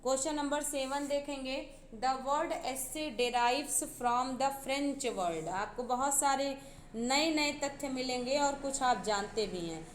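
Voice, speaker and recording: A high-pitched woman lectures on poetry for exam preparation. She goes step by step, repeating each key term so students can note it down. The room is echoey, with a faint hiss of background noise. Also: takes it slowly. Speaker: teacher. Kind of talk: exam-prep literature lecture.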